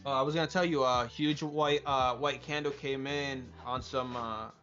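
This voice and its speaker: A man's voice: mid-range voice, steady tone, normal speed, pushed and bright, highs cut off, faint music behind. A man chatting about trades on a live stream, brash and rambling, swearing freely. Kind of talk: casual trading chat.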